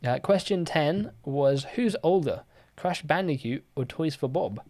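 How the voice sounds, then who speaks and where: A man's voice: a little high, measured pace. Chatty young man hosting a live quiz. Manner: chatty, relaxed, lots of fillers, reads out and answers chat questions. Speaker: livestream quiz host. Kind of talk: casual live-stream chat, reading viewer comments.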